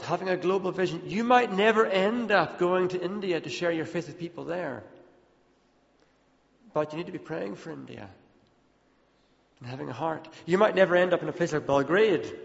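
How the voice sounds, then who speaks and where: In a church hall with long reverb and dull sound, an Ethiopian preacher with a fairly high, gravelly voice gives an earnest sermon, driving his points home by repeating words.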